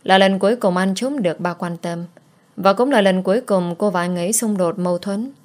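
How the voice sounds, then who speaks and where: A woman narrating an audiobook story in a soft, emotional reading voice. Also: medium pitch, brisk.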